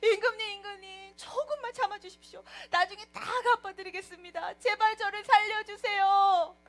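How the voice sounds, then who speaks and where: A woman doing a wailing, shouting male debtor. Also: extremely high pitch, steady tone, normal speed, faint music behind, voice pushed up. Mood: tearful begging. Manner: wailing pleas and shouted threats. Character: desperate male debtor, begging then bullying.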